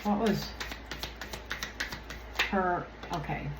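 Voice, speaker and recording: A woman's voice: lowish voice, extremely slow. A young woman reading oracle cards in a loose, rambling vlog style. She swears freely and sounds irritated. Her voice bounces around an echoey room with a faint hum of ambience behind it. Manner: rambling, loses her train of thought. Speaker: oracle card reader. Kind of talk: casual spoken card reading vlog.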